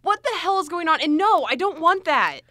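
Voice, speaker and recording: A woman's voice: medium pitch, animated, moderate pace, smooth, no echo, clean studio sound, natural voice. A woman voicing a timid, downbeat young waitress. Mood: alarmed.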